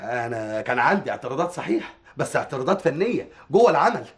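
An actor playing a high-minded, indignant novelist with an Egyptian accent. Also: male voice, very animated, quick pace, lightly acted. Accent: Egyptian Arabic. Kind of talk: TV drama acting.

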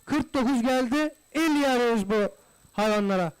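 Speaking at an ordinary pace, a man with a very high-pitched, clear, resonant voice works as a livestock auctioneer. He chants prices in repeated phrases and addresses guests courteously and formally, but the audio is poor.

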